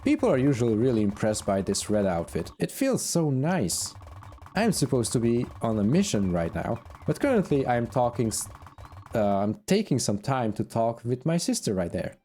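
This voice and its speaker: A man's voice: mid-range voice, sing-song, normal speed, dark tone, soft background music, natural voice. A man voicing a secretive, sly male asura researcher in a fantasy game, chatting in a conspiratorial way.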